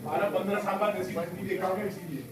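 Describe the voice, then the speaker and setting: A hoarse man leading a school workshop, quizzing pupils with call-and-response questions in a classroom. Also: sits high, steady tone, fast, distant mic, background noise. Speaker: workshop trainer. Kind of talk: classroom talk to students. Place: large echoing school classroom. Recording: echoey classroom taped from afar, student chatter. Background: students murmuring.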